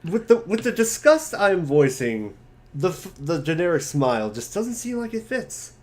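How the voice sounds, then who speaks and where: A man's voice: high voice, sing-song, normal speed, darkish tone. A man chatting playfully on a stream between reading parts of a webcomic. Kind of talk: casual chat.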